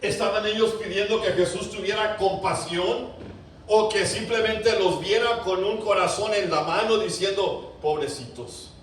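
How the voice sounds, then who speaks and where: A man preaching a sermon to his congregation, fervent, with loud emphatic peaks, quiet drops and many rhetorical questions. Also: sits high. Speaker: pastor. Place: large church sanctuary. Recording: very echoey church, voice from a distance, faint room hiss.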